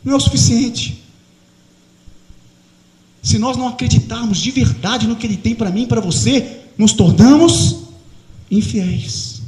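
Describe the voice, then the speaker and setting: A man's voice: extremely high pitch, moderate pace, pauses often. A man, a pastor preaching a sermon with impassioned, rising delivery. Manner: impassioned, builds to shouting. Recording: roomy echoey hall.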